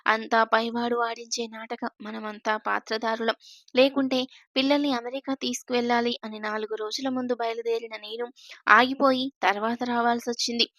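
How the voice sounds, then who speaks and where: A woman voicing a gentle, emotional elderly grandmother in a storybook reading, speaking softly. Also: on the high side, flat delivery, fairly quick, dry recording, clean studio sound. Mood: tender.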